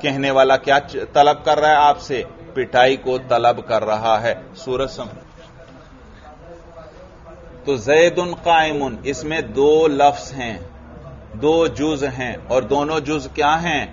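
A man teaching a grammar lesson to a class, often asking students questions and repeating their answers. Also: medium pitch. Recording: dull lo-fi recording.

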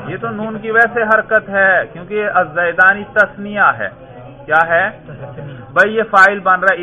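A man giving a grammar lesson, reading Arabic text aloud, then explaining it, asking his students questions and answering them himself. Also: mid-range voice. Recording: tinny phone-like lo-fi sound.

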